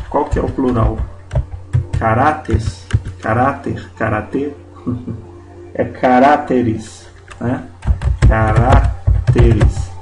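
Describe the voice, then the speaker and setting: A man teaching a Portuguese grammar lesson, speaking slowly and deliberately and often checking in with his listeners. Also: medium pitch, echoey room, poor audio. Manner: slow and deliberate, checks in with "né?" and "não é isso?".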